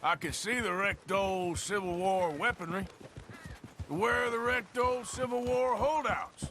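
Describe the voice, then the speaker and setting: In a game cutscene with music underneath, an actor voices a cautious, dry-humored outlaw with a Western drawl. His high-pitched, sharp-toned voice moves a little slowly in full character, with a faint hiss or hum in the audio.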